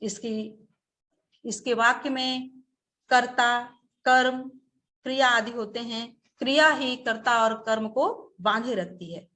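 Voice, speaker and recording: A woman teacher giving a webinar lecture, speaking slowly and deliberately, now and then acting out short examples. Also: fairly high pitch, a bit bright.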